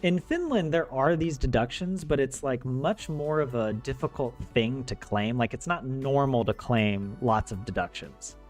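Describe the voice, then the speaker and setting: Barely pausing, this young American streamer talks at a normal speed in an expressive, medium-pitched voice. He teaches Finnish and casually discusses living abroad, joking and laughing frequently amid fillers and restarts, with faint game music in the background.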